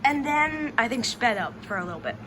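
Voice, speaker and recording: Young girl asking questions, casual chat, kinda high voice, noisy home audio. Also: very animated, fairly quick. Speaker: interviewer asking for reactions.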